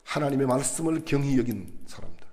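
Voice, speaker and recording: Animated preaching man. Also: medium pitch, brisk. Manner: animated preaching, questions to the congregation, acts out quotes. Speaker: pastor. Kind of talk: sermon. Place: church.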